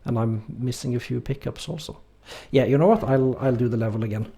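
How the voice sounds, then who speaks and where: Speaking a little fast with a breathy edge to his mid-range voice, a man from Norway streams a game and chats casually with viewers in a Norwegian accent. He stays relaxed yet hesitant, using many fillers as he reads the chat aloud.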